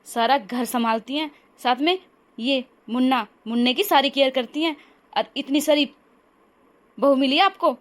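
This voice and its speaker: A woman's voice: sits high, fairly bright tone. A woman voicing an outspoken young daughter-in-law in a cartoon story.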